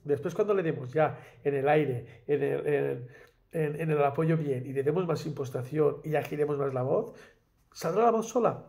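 A man's voice: a little high, normal speed, vocal fry, a little mellow. A man teaching a singing lesson in Spanish, talking through exercises with encouragement and singing short scale demonstrations on "la". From Spain. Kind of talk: vocal lesson with sung exercises.

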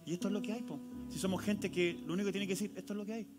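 A Chilean man preaching to his congregation, his voice pitched a little high for a man. He swings between loud rhetorical questions and hushed, intimate pleas. The live church recording carries loud guitar music underneath. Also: steady tone, rapid-fire. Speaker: pastor. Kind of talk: sermon with altar call. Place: church sanctuary.

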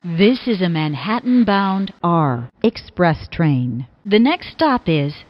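Slow woman over a train loudspeaker. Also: fairly low pitch, sing-song, dry recording. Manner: measured, evenly spaced phrasing. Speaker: recorded train announcer. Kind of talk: automated transit announcements. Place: inside a subway car. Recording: muffled train speaker audio.

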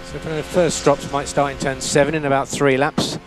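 A male race engineer speaks over team radio, giving terse, matter-of-fact instructions and repeating key phrases. His medium-pitched voice moves little in pitch and runs a little fast, with heavy background noise in the radio transmission.

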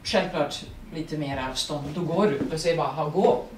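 A woman with a Serbian accent and Serbian as her first language, speaking as the guest at a public artist talk, animated, laughing often and searching for words. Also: deep voice. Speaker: guest actress. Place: print workshop event room. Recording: roomy, distant mic, faint noise.

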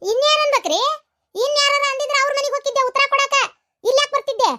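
A woman voicing an angry, proud, middle-aged village woman in a cartoon, with a North Karnataka Kannada accent and a shrill, scolding manner. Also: steady tone, quick pace, fairly bright tone. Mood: furious. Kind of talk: cartoon voice acting.

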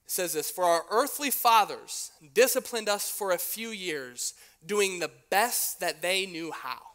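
A young man preaching a youth sermon in a casual, slangy style, telling an animated story that swings between hushed moments and excited shouting. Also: sits high, measured pace. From United States. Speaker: youth pastor.

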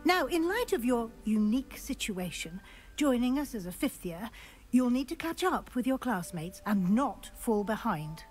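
Firm encouraging older witch professor in a game, highish, expressive. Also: faint music behind. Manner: measured, authoritative. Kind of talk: video game dialogue.

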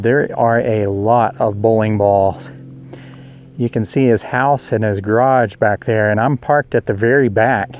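A man with a medium-pitched, darkish voice and an Oklahoma accent gives an easygoing, chatty walking tour of a rural yard at a roadside attraction. He narrates as he goes, filmed outdoors on a handheld camera.

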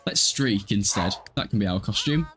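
Playing a life-simulation game on a livestream, a young adult man swears freely and keeps up irreverent, casual banter with his viewers. His voice sits on the low side yet sounds a bit bright, expressive, and moderately paced. Slight background noise comes through from his small room at home.

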